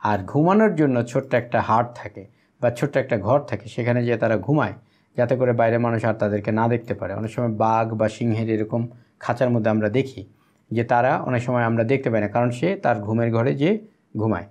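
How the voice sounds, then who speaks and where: A man from Bangladesh teaching English, reading each line of a text slowly and then explaining it at length. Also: mid-range voice, darkish tone. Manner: teaching pronunciation aloud.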